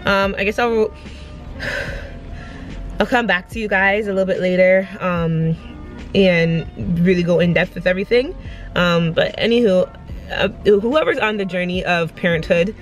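A young woman talking quietly to her phone in a clinic change room, keeping her voice low. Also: moderate pace, long pauses, faint music behind, poor audio. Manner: hushed, quiet talk. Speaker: vlogger. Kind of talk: casual vlog chat.

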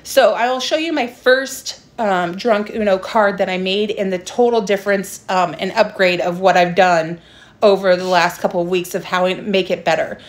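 A woman's voice: mid-range voice, normal speed. A young adult woman talking informally and explaining a craft step by step in a casual livestream tutorial. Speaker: livestream host, craft seller. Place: small room indoors at home. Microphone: phone propped at arm's length.

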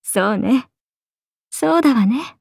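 Husky and darkish with some vocal fry, a woman's slow, animated, exaggerated voice plays a teasing serpent-oni goddess in a Japanese mobile game. She drawls breezily like a sake-loving big sister, relaxed and musing, slipping into low murmurs, all in a clean, echo-free studio recording.

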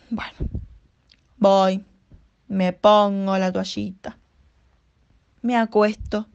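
A young woman with an Argentine accent performing a dramatic monologue in a slow, theatrical storytelling manner. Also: medium pitch, level tone, gravelly, smooth. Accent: Argentine Spanish. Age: young adult. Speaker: acting student.

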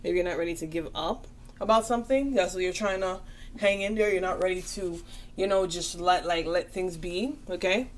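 Sleepy woman reading tarot; lowish voice, loose chatty delivery, faint background noise. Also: normal speed. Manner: chatty, repeats "okay?" often. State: tired, yawning. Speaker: tarot reader.

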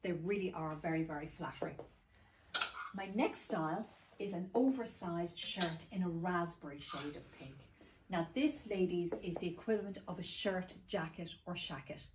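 Lady showing off stock in a shop, lowish sore throaty voice, some background noise. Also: normal speed. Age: middle-aged. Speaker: boutique presenter. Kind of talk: casual sales presentation to camera. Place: small clothing boutique, indoors. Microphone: phone camera a few metres away. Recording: steady background shop noise, phone video.

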